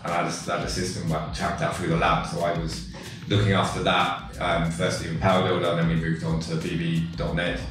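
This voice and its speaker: In a casual interview, a tech company co-founder from England, in his forties, speaks fairly quickly with few pauses and a low-pitched voice. He rambles easily, with lots of fillers and restarts. The mic is distant, the room echoes, and music plays in the background.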